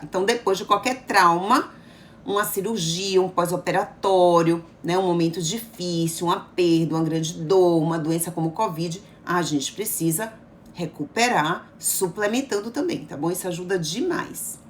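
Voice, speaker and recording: A middle-aged woman doctor talks viewers through health tips in a chatty, coaxing way. Her voice sits a bit low for a woman. A faint background noise runs under the recording. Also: normal speed. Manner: chatty, coaxing, often adds "tá bom?" and "né?". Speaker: eye doctor giving health advice. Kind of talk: informal health talk to viewers.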